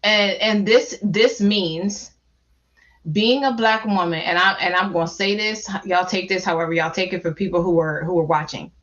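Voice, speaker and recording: A woman on a panel speaking slowly and haltingly as she holds back tears, over a video call. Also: fairly low pitch, steady tone, a bit bright, lo-fi sound. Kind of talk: emotional panel discussion.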